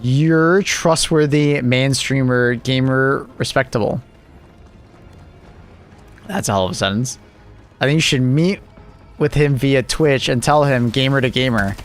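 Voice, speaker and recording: Guy streaming and just rambling to chat, mid pitch voice, little bit of music low in the back. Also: a little slow, pauses often. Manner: rambling, reacts to chat messages with joking asides. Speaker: live streamer. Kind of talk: casual chat with viewers.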